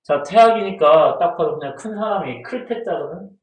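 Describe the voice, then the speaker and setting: A man's voice: fairly high pitch, animated, moderate pace. A man teaching history in a casual exam-prep lecture, who asks his students questions and answers them himself. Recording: roomy echo.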